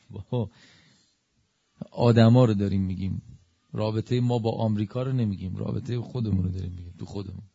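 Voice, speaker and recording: Animated man preaching a sermon, muffled sound. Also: mid-range voice, gravelly, dry recording. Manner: conversational, animated, rises to emphatic peaks. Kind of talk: religious sermon.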